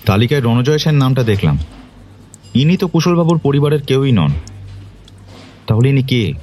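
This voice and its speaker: An actor playing a commanding police detective who questions witnesses firmly. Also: male voice, mid-range voice, expressive, normal speed, mellow, close to an everyday voice. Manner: firm, authoritative questioning.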